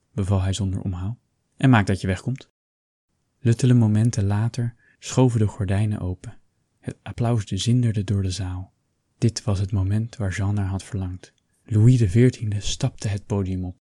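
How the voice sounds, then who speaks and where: Low, husky male storyteller. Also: mellow, no echo, clean studio sound. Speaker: narrator. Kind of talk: scripted audiobook narration.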